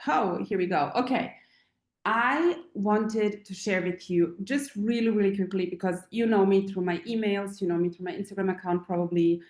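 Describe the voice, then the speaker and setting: A woman's voice: medium pitch, normal speed, a little mellow, echoey room. A woman from Serbia, about forty, hosting a live online Q&A as a feng shui teacher, rambling with many fillers and restarts. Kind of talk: live online call, casual talk.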